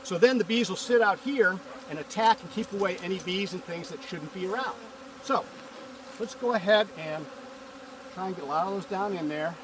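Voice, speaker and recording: A man calmly walking through a beehive check step by step, filmed outdoors on a farm from a few feet away. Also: high voice, normal speed, background noise. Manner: calm, explains step by step while working. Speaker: hobby beekeeper. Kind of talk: casual how-to narration. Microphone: camera a few feet away, speaker in a bee suit and veil. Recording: distant outdoor camera audio, buzzing bees.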